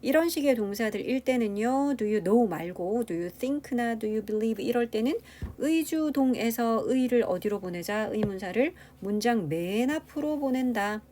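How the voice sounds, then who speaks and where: A woman English teacher delivers a grammar lecture, explaining things step by step and posing rhetorical questions to the class. Her voice is warm, a little high and animated, at a measured pace with few pauses, and there's slight background noise.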